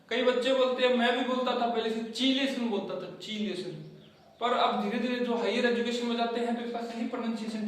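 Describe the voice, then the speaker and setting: A man teaching a chemistry class, talking to students as children, counting aloud and asking questions he answers himself. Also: very high-pitched. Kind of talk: classroom lecture. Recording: very echoey room, voice far from mic.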